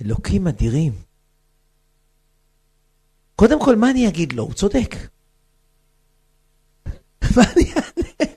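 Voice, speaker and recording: Lively high-voiced rabbi. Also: male voice, husky. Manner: animated, acts out characters, asks the audience questions. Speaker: rabbi giving a talk to women. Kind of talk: humorous storytelling lecture.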